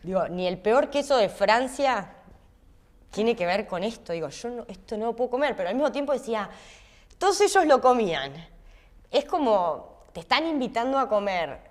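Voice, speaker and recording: Argentine woman chef telling lively stories. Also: on the high side, normal speed. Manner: animated, acts out her own past thoughts in quotes. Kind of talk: interview storytelling.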